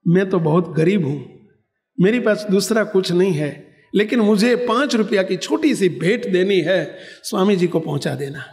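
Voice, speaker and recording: A man's voice: sits high, animated, moderate pace, darkish tone, big-room sound. A man voicing a poor, humble elderly woman who earnestly calls out and pleads. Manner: calling out, earnest and imploring.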